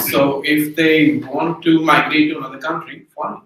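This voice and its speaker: A man's voice: on the high side, fairly even intonation, takes it slowly, sharp tone. A man in an informal group discussion, thinking aloud in a conversational way. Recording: very echoey room, distant mic.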